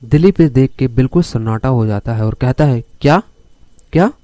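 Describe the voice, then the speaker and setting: A man's voice: mid-range voice, brisk, mellow, no room sound. A man narrating a crime story as a storyteller, leading his listeners step by step through the events. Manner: addresses listeners directly while telling the story.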